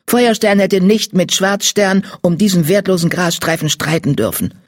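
A reader voicing an accusing tortoiseshell she-cat, pitched high and pressing. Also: lively intonation, normal speed, a little mellow, no echo, studio quality, close to an everyday voice.

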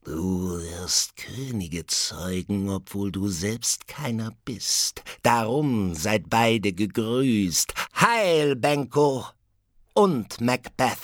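A man voicing a shrill old witch who speaks slow prophecies and rises to loud cries. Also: animated, no echo, studio quality, heavily acted. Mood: prophetic. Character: third witch, shrill cackling old woman.

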